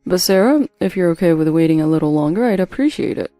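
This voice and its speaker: A woman voicing a charming but manipulative young man in a narrated story, speaking in a calm, smooth-talking way. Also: on the low side, fast talker, no room sound, faint music behind. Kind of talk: story narration with voiced quotes.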